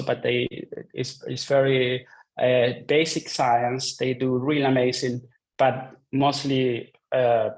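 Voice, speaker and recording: A Chilean man in his thirties, a Spanish speaker, talks in English as a guest researcher in a casual interview chat. His medium-pitched voice is polite and hesitant, with many fillers, on a rough recording.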